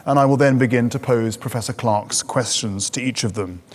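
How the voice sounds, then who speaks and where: A man moderating a seminar panel, introducing speakers in a formal, steady way. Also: mid-range voice, normal speed.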